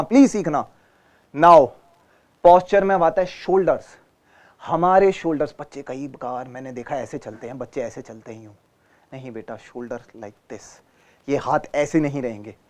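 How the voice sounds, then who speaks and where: A man leads a theatre lesson with a fairly high, smooth and resonant voice. He coaches students through posture and pronunciation drills, calling them beta and acting out examples of what not to do. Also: a little mellow. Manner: coaching, addresses students as beta, mixes Hindi and English. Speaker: theatre teacher. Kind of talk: classroom lesson on posture and speech.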